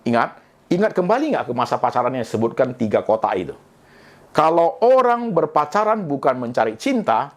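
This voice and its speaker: Lively man preaching a sermon. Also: medium pitch. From Indonesia. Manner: lively preaching, often addresses listeners as brothers and sisters; mixes English phrases into speech. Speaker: pastor.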